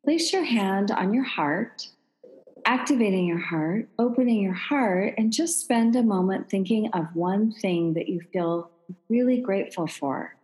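A woman podcast host leading a guided breathing meditation in a calm, soothing, meditative tone. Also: medium pitch, a little slow, long reverb tail, poor audio.

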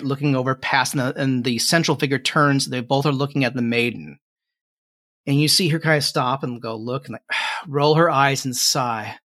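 A man improvising descriptive narration as game master of a tabletop fantasy game, often halting and rephrasing as he goes. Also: mid-range voice, sharp tone.

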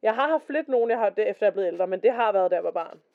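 A woman's voice: mid-range voice, expressive. A woman co-hosting a casual podcast, reading stories aloud and chatting. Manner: chatty, reads quotes in a slower voice. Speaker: podcast co-host. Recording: dull lo-fi podcast recording.

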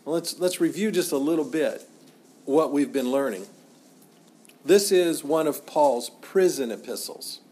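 A middle-aged man teaching as a pastor in an informal, halting, conversational way, often repeating himself. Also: fairly high pitch, animated, a little mellow.

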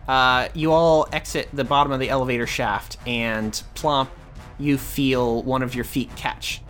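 A man runs a tabletop game in a relaxed, halting manner, with a mid-range pitch. Faint music plays behind him. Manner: relaxed, hesitant, full of fillers. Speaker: game master.

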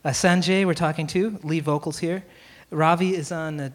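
A man hosting a casual live radio interview, relaxed and laughing easily. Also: a little high, normal speed.

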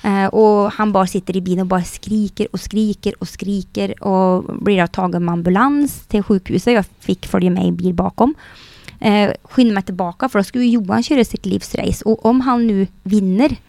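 Gravelly-voiced woman telling a story. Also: medium pitch, dry recording. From Sweden. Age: middle-aged. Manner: lively storyteller who acts out quoted speech, many hesitations. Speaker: guest, racing team manager. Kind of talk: casual interview conversation.

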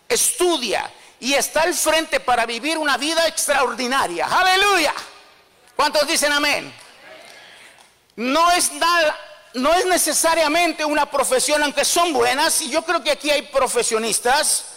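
A man's voice: very high-pitched, sharp tone, long reverb tail. A man preaching a sermon, telling a story and making rousing calls to the congregation. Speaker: pastor.

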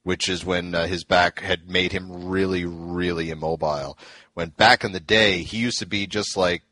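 A man with a low, steady voice that sounds pushed and bright casually retells old wrestling events at a normal speed. He rambles through this wrestling history chat in loose storytelling full of fillers and restarts.

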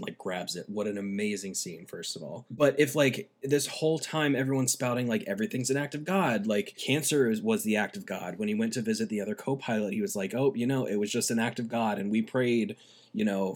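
Podcast co-host, man, lowish voice, opinionated and animated. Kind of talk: casual film review.

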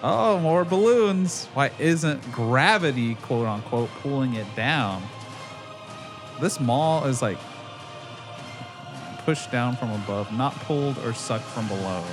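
A man's voice: mid-range voice, slow, pauses often. Amused man bantering over background music. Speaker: host of a video reaction show. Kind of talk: casual banter, reacting to videos. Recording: music behind the voice.

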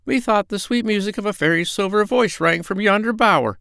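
A man's voice: sits high, fairly quick, creaky, a bit bright, clean tone, no room sound, pitched above the performer's own voice. A man voicing a dreamy young prince who speaks in flowery, old-fashioned phrases. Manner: dreamy, archaic flowery speech. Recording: dry close recording.

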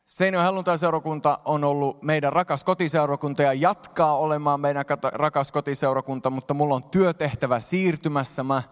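High-voiced man preaching in reverberant hall. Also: hardly any pauses, clean tone. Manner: animated, addresses congregation directly. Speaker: pastor. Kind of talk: sermon. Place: church hall stage.

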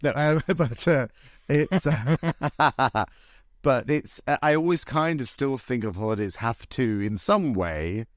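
A man's voice: medium pitch, lively intonation, takes it slowly, dry recording, studio quality. A man hosting a casual chat in a camp, wry, rambling and self-deprecating way. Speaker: host. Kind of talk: casual, chatty podcast conversation.

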